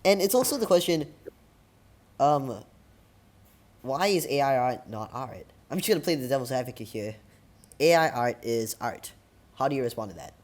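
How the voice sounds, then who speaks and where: A man's voice: mid-range voice, expressive, fairly quick, pauses often, darkish tone. A young man hosting a casual podcast, rambling and poking fun at himself. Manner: rambling, self-mocking, talks over bits. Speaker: podcast host.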